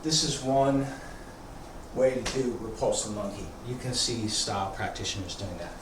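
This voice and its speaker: A man teaching tai chi informally, thinking aloud haltingly as he demonstrates, with a congested throat. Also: on the low side. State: throat congested, often clearing it. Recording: echoey room, distant mic, background noise.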